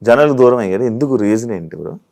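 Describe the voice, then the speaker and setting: A man's voice: mid-range voice, expressive, fast talker, vocal fry, a little mellow. A man hosting a casual interview, asking friendly, probing questions. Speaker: interview host.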